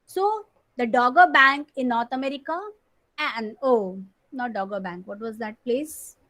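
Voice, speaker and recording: A woman teacher with a Marathi accent, explaining slowly in an online class, heard on a screen recording of the call. She repeats key terms and often clears her throat. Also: a little high, sharp tone.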